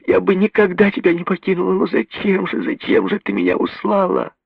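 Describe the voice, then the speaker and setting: A man's voice: high-pitched, very animated, fairly quick, gravelly, husky, dry recording, phone-quality sound, voice pushed up, full character voice. A man reading a grief-stricken young woman in a broken, pleading voice. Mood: pleading despair.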